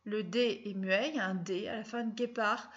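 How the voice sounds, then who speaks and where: A woman's voice: mid-range voice, steady tone, normal speed, dull audio. A woman teaching children a spelling lesson, speaking patiently, spelling out letters and sounds and often adding a little "hein". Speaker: primary school teacher.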